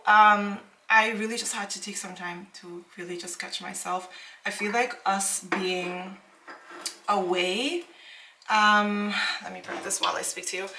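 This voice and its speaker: A woman's voice: mid-range voice, bright, forceful tone, roomy sound, slight background noise, low-quality recording. A young woman from the Netherlands, talking casually to camera in a rambling, self-correcting way. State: out of breath at times. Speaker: vlogger. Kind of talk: casual vlog talk to camera. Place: home indoors.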